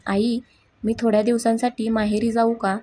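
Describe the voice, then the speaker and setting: A woman reading the lines of a quiet, hurt young wife who speaks softly and hesitantly, in a husky voice. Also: a little high, flat delivery, moderate pace, natural voice. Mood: pleading. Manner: soft, hesitant.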